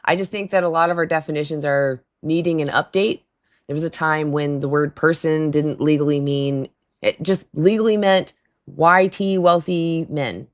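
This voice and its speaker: Hosting a laid-back call-in livestream, this woman laughs a lot, talks back to her chat, and chats loosely. She speaks in a low voice at normal speed, her throat hoarse and her voice raspy.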